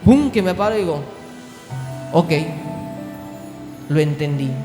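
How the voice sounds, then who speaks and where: A pastor preaching a sermon, moving from low, intimate tones up to shouted climaxes. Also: male voice, animated, takes it slowly. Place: large church hall. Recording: echoey hall with music behind.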